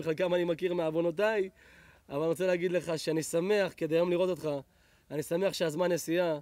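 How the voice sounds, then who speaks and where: A rabbi gives an animated Torah lesson, his high voice swinging from hushed storytelling to loud, fervent blessings. He sounds middle-aged. The sound is close and dry, with almost no room around it. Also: dry recording. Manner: animated, drops to hushed tones for stories, then rises to loud blessings.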